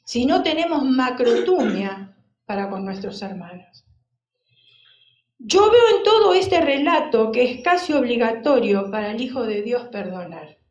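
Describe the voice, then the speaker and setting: A woman preacher giving an expressive sermon and putting questions to the congregation. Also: fairly high pitch, a little slow, reverberant, muffled recording.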